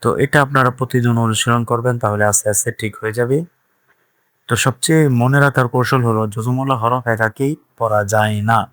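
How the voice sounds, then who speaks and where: A man of middle pitch gives a patient, step-by-step reading lesson, spelling each letter aloud and repeating the sounds. His voice is close and dry, with no room around it. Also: steady tone, fast, fairly bright tone, no room sound. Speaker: Quran reading teacher.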